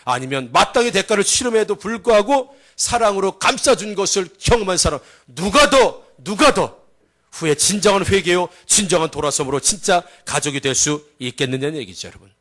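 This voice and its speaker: A man preaching a Sunday sermon as pastor, swinging between loud emphatic lines and quiet asides. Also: animated, a little fast. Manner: acts out story voices with a raised pitch.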